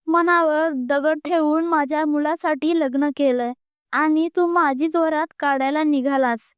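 A woman's voice: sits high, little pitch movement, normal speed, no echo, close to an everyday voice. A woman voicing an angry young man, a reluctant groom, speaking in a heated, accusing way during a storybook reading. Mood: tearful anger. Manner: heated, accusing, close to tears.

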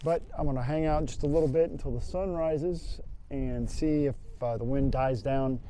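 A man in his fifties with a medium-pitched voice and moderate pace explains his camera settings casually. He is a landscape photographer recording through a lapel mic on a windy hilltop, relaxed and thinking aloud with fillers and restarts.

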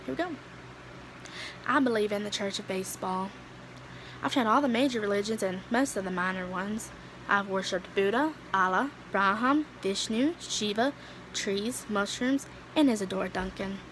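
A young adult woman reciting a dramatic monologue in a measured, conversational way, as an amateur actor. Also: mid-range voice, fairly bright tone. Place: small indoor room, red wall. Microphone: phone at arm's length. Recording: noisy room ambience, phone recording.

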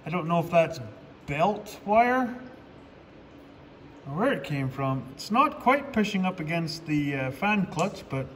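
Slow-talking plainspoken farmer man. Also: fairly high pitch, sing-song, a bit bright, long reverb tail, a little hiss or hum. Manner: plainspoken, dry sarcastic humor. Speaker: farmer doing his own repairs. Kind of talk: casual how-to vlog narration.

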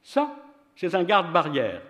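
A man reading as a deadpan, fussy old train man. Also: sits high, unhurried, pitched above the performer's own voice, exaggerated voice. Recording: reverberant hall.

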